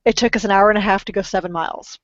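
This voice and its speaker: A woman's voice: mid-range voice, steady tone, very fast, highs cut off. A middle-aged woman with a lingering cough, telling stories in a chatty, self-mocking way as a podcast co-host. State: lingering cough after illness. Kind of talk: casual chat.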